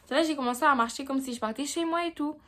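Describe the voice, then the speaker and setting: A woman's voice: high-pitched, fast, bright, forceful tone. Young woman telling a story time. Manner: slangy, chatty, fillers like "tu vois". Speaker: vlogger.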